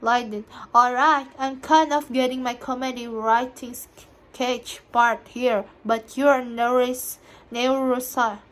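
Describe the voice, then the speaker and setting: Slow, halting young woman student reading aloud. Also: a little high, a bit bright. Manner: halting reading with frequent restarts. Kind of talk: reading an interview transcript aloud.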